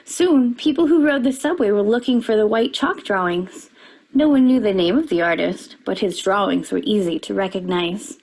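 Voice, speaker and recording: A woman reads a children's picture book aloud with a slightly husky voice. Her delivery is expressive, and she lifts her pitch for the characters' quoted lines. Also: normal speed, poor audio.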